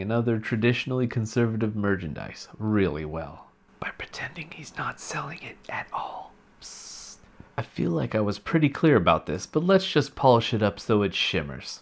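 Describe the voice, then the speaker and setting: A man delivering a scripted sarcastic comedy rant in a mock-earnest, deadpan manner. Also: fairly low pitch. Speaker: satirical commentator.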